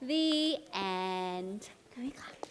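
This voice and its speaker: With drawn-out words and a mid-range voice, a woman narrates a live puppet show, expressively putting simple questions to young children. The recording from the echoey hall is very noisy.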